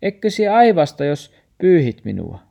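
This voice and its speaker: Guy doing a worried little storybook dog, squeaky and anxious, gravelly edge. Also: huge pitch swings, mellow, full character voice. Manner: small worried questioning voice. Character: timid young pet dog, anxious and sad.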